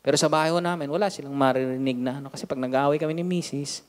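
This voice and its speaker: A man with a Filipino accent preaching a lively sermon as pastor, swinging from loud to hushed with joking asides. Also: on the high side, racing, a little hiss or hum. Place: church hall. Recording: long hall reverb.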